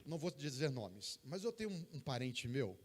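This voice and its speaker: A male pastor with a Brazilian Portuguese accent preaching an emphatic, animated sermon in a church service. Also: mid-range voice, normal speed, breathy edge. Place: church service, streamed live.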